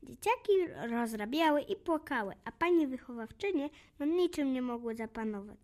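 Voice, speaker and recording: A woman reads a children's story aloud. Her voice sits high, and she keeps the telling expressive and lively. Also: moderate pace. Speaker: narrator.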